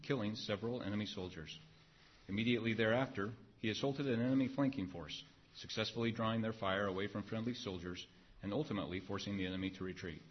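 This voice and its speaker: Guy reading out a ceremony citation, slow solemn phrasing, lowish voice, kinda dull lo-fi audio. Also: breathy edge. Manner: measured, solemn, evenly phrased. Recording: dull lo-fi recording.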